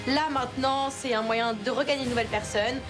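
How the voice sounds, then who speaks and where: Female reality contestant, slightly high voice, determined casual confessional, clear music underneath. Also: steady tone, brisk.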